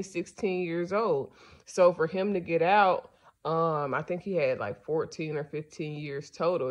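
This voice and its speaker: A woman podcast host giving a casual, rambling monologue, blunt and profane, sleepy and yawning. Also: sits low.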